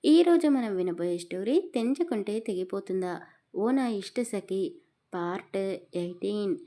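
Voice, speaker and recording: Mellow-voiced woman storyteller. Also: medium pitch. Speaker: storyteller host. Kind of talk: narrated audio story.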